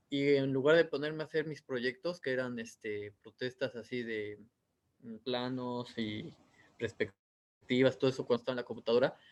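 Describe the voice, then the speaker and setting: A Mexican man in his thirties, an author answering interview questions in a rambling way with many fillers. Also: mid-range voice. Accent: Mexican Spanish. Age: 30s.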